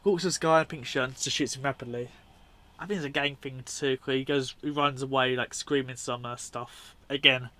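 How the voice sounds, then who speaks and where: A man's voice: mid-range voice, fairly even intonation, brisk, pushed and bright. A man giving casual, unscripted commentary on video clips in a rambling, informal way, often correcting himself. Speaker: video host.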